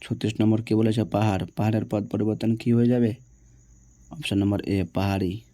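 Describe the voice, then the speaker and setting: A man's voice: on the low side, level tone, brisk, dark tone, no echo. A man teaching, working through exam answers one by one and often checking with his students. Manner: reads each question, answers it, checks with "ঠিক আছে?".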